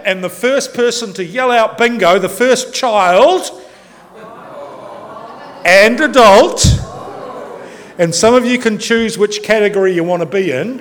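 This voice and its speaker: A man preaches in a loose, conversational way, joking and breaking off mid-sentence. His voice sits fairly high for a man. Long reverb from a church hall trails behind every line. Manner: chatty, joking, self-interrupting. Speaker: pastor. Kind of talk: informal sermon.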